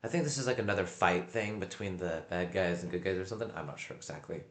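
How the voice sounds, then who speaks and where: A man with a deep, low voice talks casually on a livestream in an echoey room. He rambles in a halting way, doubling back on words and pausing to find the next one. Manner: halting, often repeating and searching for words.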